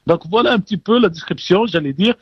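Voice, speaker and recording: A man's voice: high-pitched, animated, fast, slightly rough, no echo, muffled recording. A man giving a live radio field report as a correspondent, hesitant with many fillers but emphatic.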